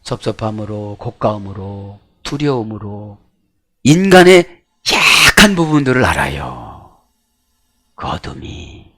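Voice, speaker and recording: A middle-aged man preaching a sermon that explains Bible words from the original languages, alternating loud emphasis with sudden quiet drops and rhetorical questions to his listeners. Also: lowish voice, sing-song, slow. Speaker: pastor.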